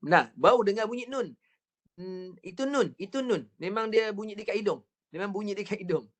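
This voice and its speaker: Malaysian male recitation teacher, slightly high voice, patient drill-style delivery on a video call. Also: expressive, a bit bright. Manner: patient, repetitive drilling with counted practice and demonstrations; stretches words very slowly when showing the recitation. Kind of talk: online recitation lesson. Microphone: computer mic on a video call.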